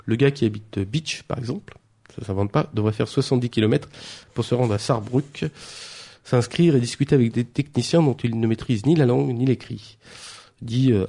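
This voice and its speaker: A man's voice: medium pitch, gravelly, warm tone. A man presenting a radio press review, hesitant, with many fillers and restarts. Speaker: news columnist.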